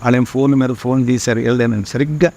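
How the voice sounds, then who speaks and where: Man, fast-paced, fervent testimony, acts out his prayers, interview guest. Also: medium pitch, steady tone, a little mellow. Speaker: songwriter guest.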